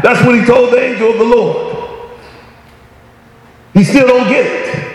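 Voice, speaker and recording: High-voiced male preacher in an echoey hall. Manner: call-and-response preaching, "come on, somebody"; rising to shouts on key points. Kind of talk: sermon. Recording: echoey hall with long reverb.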